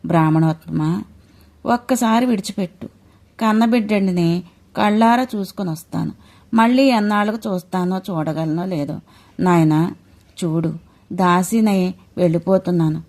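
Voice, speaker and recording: A woman's voice: lowish voice, normal speed, long pauses, darkish tone, lightly acted. A woman voicing a grieving young queen who pleads tearfully after being sold as a servant, in a told myth. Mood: pleading.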